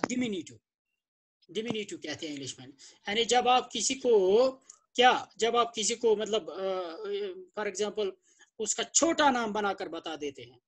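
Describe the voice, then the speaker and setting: A man's voice: high-pitched, animated, unhurried, a bit bright, slight background noise. Male Arabic teacher, lesson delivery, repetitive drilling with English glosses, emphatic. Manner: repeats and drills terms, glosses them in English. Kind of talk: classroom-style lesson explanation.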